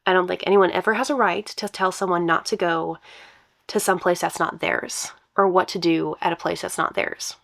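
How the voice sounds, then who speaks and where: A woman with a gravelly voice, hoarse from allergies, reading posts aloud and commenting on them in a casual, emphatic, conversational way as a host. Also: lowish voice, fairly even intonation, moderate pace, a bit bright.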